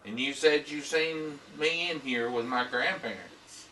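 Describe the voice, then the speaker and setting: A calm man urges a presence to answer him during a ghost hunt. He is picked up from some distance away. A faint hiss runs under his voice. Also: mid-range voice, unhurried. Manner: calm, coaxing the spirit to speak. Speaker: paranormal investigator.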